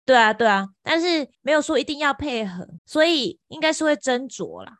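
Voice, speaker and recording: A woman's voice: sits high, animated, brisk, a loud crowd. A woman co-hosting a casual podcast chat, explaining at length in a chatty way. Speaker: podcast co-host.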